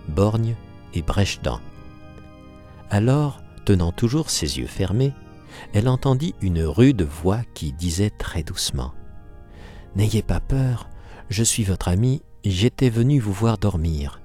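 Deep-voiced man reading a classic novel. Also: a little mellow. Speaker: audiobook narrator. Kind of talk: scripted literary narration.

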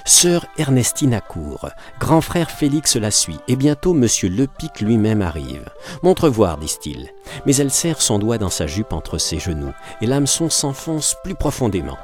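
Lively deep-voiced male storyteller. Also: normal speed, soft background music. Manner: lively, acted-out narration. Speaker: audiobook reader. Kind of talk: expressive literary reading.

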